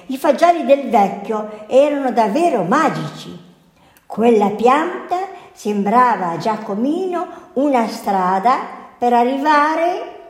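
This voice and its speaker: A woman's voice: on the high side, darkish tone. A woman, a nun, reading a fairy tale aloud in a storytelling manner. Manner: slow, lilting storytelling. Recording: echoey hall.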